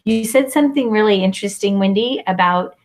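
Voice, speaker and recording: A woman hosting a panel discussion, giving shout-outs and thinking aloud with many fillers. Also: mid-range voice, brisk. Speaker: panel host. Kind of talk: moderating a panel.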